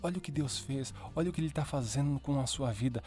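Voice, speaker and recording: A man quoting his wife, who is surprised and reassuring, in a raised, animated voice. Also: fast talker, close to an everyday voice. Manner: animated and emphatic, higher-pitched quoting voice.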